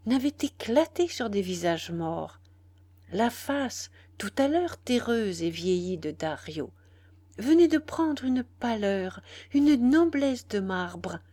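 Slow, solemn female audiobook narrator. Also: mid-range voice, a little mellow, no room sound. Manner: solemn, slow, often dropping to a whisper. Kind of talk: scripted narration of a novel.

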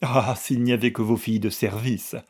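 A man voicing a proud, distraught noble widow who wails and sobs out her grievances in high-strung outbursts. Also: fairly even intonation, normal speed, darkish tone, slightly rough, lightly acted. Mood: wailing.

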